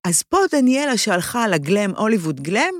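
An Israeli woman with a highly animated, swooping delivery at a medium pitch. She talks casually as a podcast host, leaning hard on her words and repeating them for emphasis, in a dry recording. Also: no echo. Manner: emphatic, theatrical, with repetitions and English phrases mixed in. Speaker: podcast host and fashion commentator. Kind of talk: casual chat and fashion commentary.

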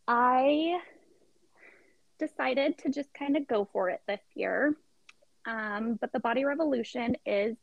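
Husky gravelly woman, chatty storyteller. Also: on the high side, dry recording. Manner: chatty storytelling with frequent laughs. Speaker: podcast guest, pageant contestant. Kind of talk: casual interview chat. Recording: dull lo-fi sound.

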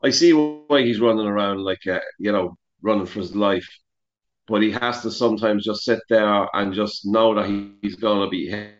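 A man's voice: on the low side, moderate pace. A man co-hosting a casual sports podcast, talking in long, opinionated stretches full of "like" and "you know". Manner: rambling, opinionated, heavy use of "like" and "you know". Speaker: podcast co-host. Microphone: remote call over the internet. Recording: muffled internet call audio.

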